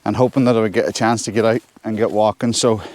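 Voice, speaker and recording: On a snowy hillside forest track, a Northern Irish man trudges along on foot and talks casually to his viewers, vlogging his solo hike. He's a fast talker with a fairly low, slightly mellow voice and fairly even intonation, and there's no room sound.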